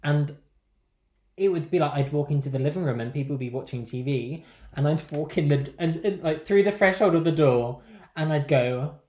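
A man's voice: a little high, normal speed, mellow. A man co-hosting a podcast, chatting casually with teasing, dry quips. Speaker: podcast co-host. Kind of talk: casual chat. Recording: roomy echo.

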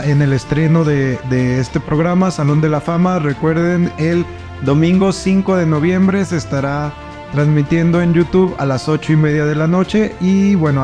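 A man's voice: fairly high pitch, darkish tone. A man, hosting a sports interview show, chatting casually and upbeat as he promotes the next episode, often stopping and restarting his sentences. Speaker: host.

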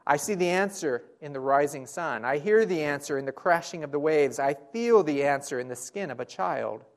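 A male pastor preaching a sermon, using rhetorical questions and repeated phrases, swinging from loud emphasis to hushed lines. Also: fairly high pitch, animated, normal speed.

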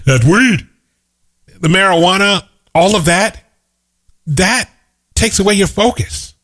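A man's voice: high-pitched, unhurried, sharp tone. A middle-aged man giving an emphatic motivational talk, repeating his key points and telling stories. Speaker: motivational speaker. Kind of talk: motivational monologue.

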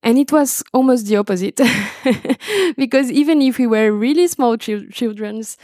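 A woman's voice: fairly high pitch, lively intonation, moderate pace, warm tone, dry recording, studio quality. A young woman from Brazil, speaking as a guest on a video call from home and stopping often to search for words. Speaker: guest musician. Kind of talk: interview conversation. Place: home, indoors.

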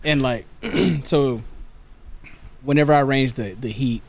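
A man's voice: medium pitch, a little slow, vocal fry, darkish tone. A man in his forties telling stories in a casual chat, profane and laughing often. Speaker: podcast guest.

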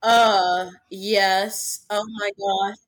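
A woman's voice: medium pitch, level tone, extremely slow. A young adult woman hosting a podcast, talking in an earnest, casual way full of "like" fillers. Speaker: podcast host. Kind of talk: casual chat.

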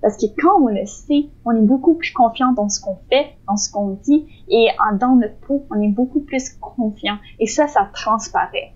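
A woman's voice: fairly high pitch, normal speed, few pauses, a little mellow. A woman with a Québécois accent, talking casually and reflectively as a podcast co-host, hesitating often and laughing easily. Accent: Québécois French. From Quebec. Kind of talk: casual conversation. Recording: slightly dull lo-fi sound.

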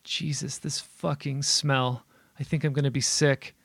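A man's voice: mid-range voice, level tone, a little slow, creaky, a bit bright, husky, dry recording, pitched above the performer's own voice, heavily acted. A man voicing a frightened young woman hiker who feels sick, groaning out her words in a horror story reading. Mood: disgusted. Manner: queasy, groaning.

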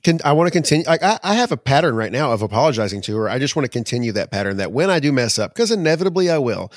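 A man co-hosting a podcast in casual chat, talking earnestly and getting animated as he recounts his frustrations. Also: medium pitch, very fast, no echo, studio quality. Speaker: podcast co-host.

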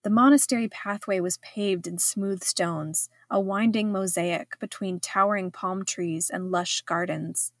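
A woman's voice: mid-range voice, fairly even intonation, measured pace, few pauses, no room sound, clean studio sound. A woman reading her own travel memoir aloud in scripted first-person narration, reflective with a wry edge.

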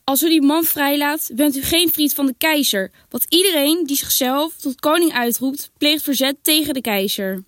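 A woman voicing a high shouting mob. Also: normal speed, few pauses, no echo, clean studio sound. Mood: angry. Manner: shouting, demanding. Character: shouting angry crowd voice.

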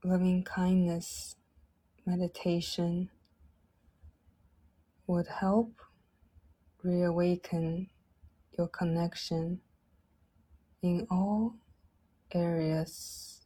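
A woman leading a guided loving-kindness meditation in a soft, gentle, drawn-out way. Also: on the low side, level tone, husky, poor audio.

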